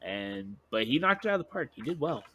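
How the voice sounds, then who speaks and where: A man co-hosting a casual gaming podcast, relaxed and thinking aloud, with many fillers. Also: mid-range voice, quick pace, husky. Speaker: podcast co-host.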